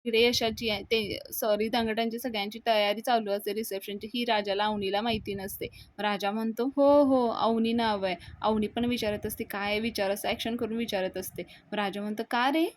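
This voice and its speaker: A woman's voice: medium pitch, brisk. A woman retelling a TV serial episode, acting out the characters' lines as she goes. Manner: lively retelling, her voice rising for each quoted character's line.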